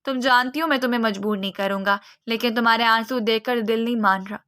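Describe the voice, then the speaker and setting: A woman reading a storybook and voicing a gentle young man who speaks softly and coaxingly. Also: a little high, fairly even intonation, lightly acted. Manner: soft, coaxing. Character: gentle young man, soft-spoken cousin and fiancé.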